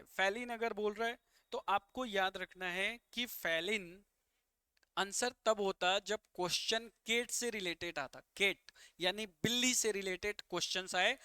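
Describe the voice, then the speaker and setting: Man, teacher, live online vocabulary lesson, bright tense voice, coaxing viewers. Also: high-pitched, clear, resonant tone, dry recording. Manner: explains English words in Hindi, coaxing viewers to comment.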